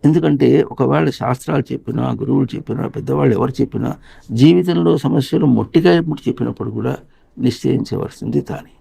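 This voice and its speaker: Gravelly-voiced man giving a spiritual talk. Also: mid-range voice, mellow. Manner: sings or chants quoted song lines slowly, asks rhetorical questions. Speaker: spiritual teacher. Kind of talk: spiritual discourse explaining song lines.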